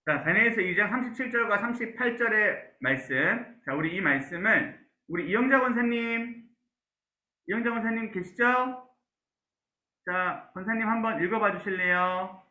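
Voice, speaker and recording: A man's voice: high voice, expressive, normal speed, pushed and bright. A male pastor giving an online Bible class, peppering his talk with "so" and "yes" fillers and asking the class questions. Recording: roomy, dull lo-fi sound.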